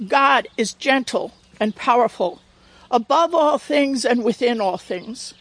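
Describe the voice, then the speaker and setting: A woman voicing an ancient, wise storybook turtle in a measured, solemn, reassuring manner. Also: a little high, lively intonation, a bit bright, husky, no echo, exaggerated voice. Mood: solemn, tender. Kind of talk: storybook character reading.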